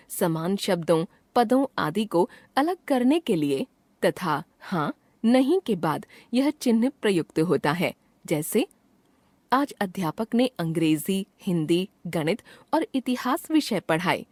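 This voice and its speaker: Female narrator for a grammar lesson: scripted, precise and measured, with a lively, rising and falling delivery, close and dry. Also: lowish voice, no room sound. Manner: precise, measured textbook reading.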